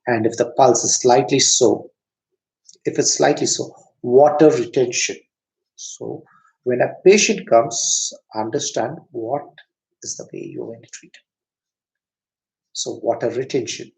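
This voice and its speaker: A man's voice: medium pitch, gravelly, a little mellow, poor audio. A man with a Tamil accent teaching acupuncture as a classroom lecture, repeating and rephrasing his points step by step. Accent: Tamil-accented English. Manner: repetitive, restarts phrases, explains step by step.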